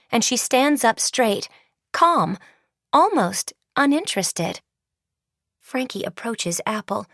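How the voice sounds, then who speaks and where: A woman narrating an audiobook in a slow, even storytelling manner. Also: on the high side, dry recording, studio quality. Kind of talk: scripted narration.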